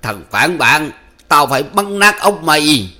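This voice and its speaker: Man voicing a menacing outlaw boss, gruff, loud growl. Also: mid-range voice, fairly even intonation, measured pace, close to an everyday voice. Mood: snarling.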